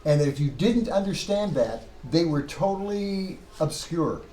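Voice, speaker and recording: A seminary Hebrew lecturer addresses his students informally, asking himself questions and refining his own wording along the way. His warm voice sits on the high side, with lively intonation and a slightly slow pace. Soft background music plays, and the room adds echo along with clear background noise.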